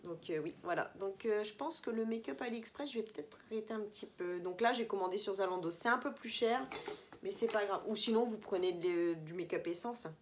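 A woman's voice: mid-range voice, brisk, slight background noise. A woman chatting casually through a beauty product review vlog in a holiday apartment, rambling and correcting herself with many fillers. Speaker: beauty vlogger.

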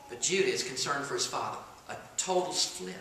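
A man's voice: medium pitch, brisk, creaky, sharp tone, a little hiss or hum. A man preaching a sermon as pastor of a church, dramatic and acting out the voices he quotes. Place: church sanctuary. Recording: echoey church room.

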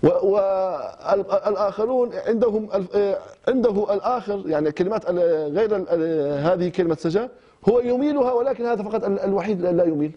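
This high-pitched, brisk male voice belongs to an Iraqi man from Kirkuk who speaks with an Iraqi Arabic accent. Teaching recitation rules to a class, he uses short phrases broken by frequent hesitations and restarts, captured in a dull, lo-fi recording.

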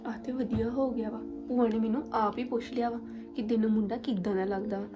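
A meek young niece, played by a young woman, answers in soft, brief, agreeable words. Her voice is slightly high. Loud music plays over her lines. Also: fairly even intonation, quick pace, close to an everyday voice. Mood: pleased. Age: young adult. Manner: soft, short compliant replies. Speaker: niece hoping to marry.

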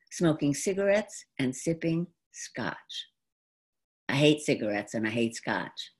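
She is an American woman in her seventies from New York, delivering a dramatic autobiographical storytelling monologue in a deep voice. Her phrasing is deliberate, with pauses, and the sound comes from a computer mic on a video call in an indoor room at home.

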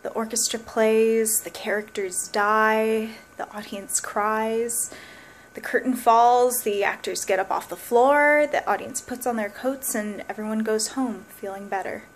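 Woman acting a high-voiced, searching, bitter soliloquy. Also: fairly even intonation, a little slow, slight background noise. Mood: wistful, musing. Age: young adult. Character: embittered, wry, grieving woman who loves musicals. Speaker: actor performing a monologue. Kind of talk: dramatic theatrical monologue. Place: small plain room indoors.

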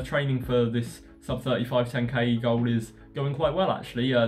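A man talking casually about his running training in a relaxed, rambling way with lots of fillers. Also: medium pitch. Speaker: running vlogger. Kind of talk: casual vlog narration.

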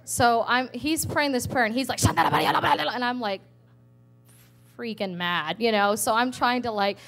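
A woman, an evangelist's wife, telling her personal testimony with animated storytelling, laughing often and acting out her prayers. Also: fairly high pitch, measured pace, vocal fry, faint music behind.

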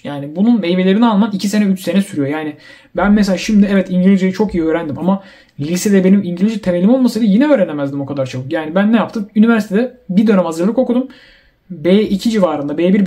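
Fast-talking, high-pitched young man. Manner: animated, acts out quoted voices. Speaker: YouTuber giving language-learning advice. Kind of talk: casual advice monologue to viewers.

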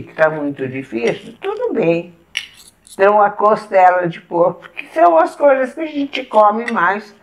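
A woman with a Brazilian Portuguese accent, patiently showing step by step how to eat at the table and pausing to eat as she goes. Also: mid-range voice. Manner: patient, explains step by step while eating. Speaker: etiquette instructor. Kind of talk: casual demonstration.

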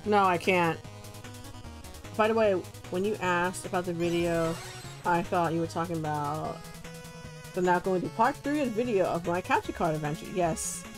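A young man chats casually while streaming a video game, playful and laughing a lot, at normal speed. His voice is naturally deep yet light and giggly, the recording is low quality, and faint game music plays behind him.

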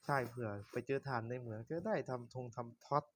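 In a fairly quick, mid-range voice, a young gaming YouTuber chatters casually to himself during a Minecraft survival session, cursing freely as he plays.

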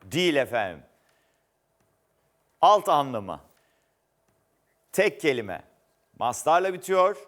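Guy hosting a word quiz, kinda high voice, jokey and teasing, reads clues out. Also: sing-song, slow pace, long pauses, fairly bright tone. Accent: Turkish. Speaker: game show host.

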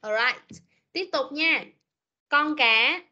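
Woman, Vietnamese accent, English teacher, online class, high voice, bright tone, drills pronunciation. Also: takes it slowly. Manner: patient, drills pronunciation by repeating words. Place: online meeting. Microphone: video call. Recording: dull lo-fi meeting recording.

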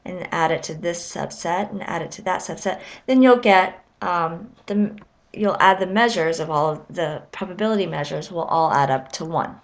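Woman explaining probability in a lecture. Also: lowish voice. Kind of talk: recorded lecture narration.

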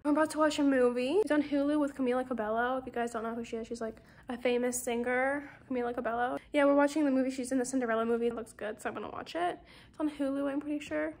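A woman's voice: high-pitched, fairly even intonation, racing, a little mellow. A teenage girl talking into her phone camera in a chatty, rambling diary vlog, often giggling. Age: teens. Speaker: vlogger.

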